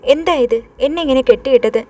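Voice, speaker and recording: A woman's voice: high voice, fairly quick, darkish tone, lightly acted. A woman voicing a timid, easily frightened young woman in a read-aloud horror story, pleading a little.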